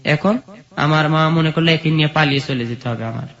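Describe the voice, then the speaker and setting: A man's voice: fairly high pitch, brisk, a bit bright. A man with a Bangladeshi accent telling his own life story as an interview guest. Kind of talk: personal life-story narration. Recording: dull lo-fi sound.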